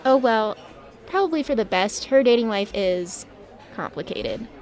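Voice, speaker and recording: Woman doing a gossipy castmate, fairly high voice, teasing chatty delivery. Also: expressive, unhurried, a little mellow, a faint crowd. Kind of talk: audio drama acting.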